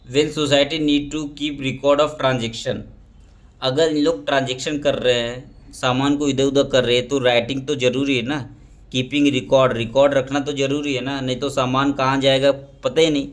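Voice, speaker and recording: A man teaching an exam prep history lesson, asking and answering his own questions and pointing at pictures as he explains. He reads English textbook lines slowly and then explains them in Hindi. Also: medium pitch, steady tone.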